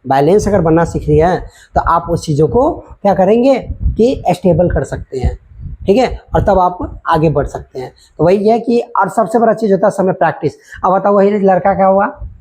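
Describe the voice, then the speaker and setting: Male teacher, husky tone, patient explanatory delivery to students. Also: sits high, a little mellow. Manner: explanatory, addresses students directly. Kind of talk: classroom lesson explanation.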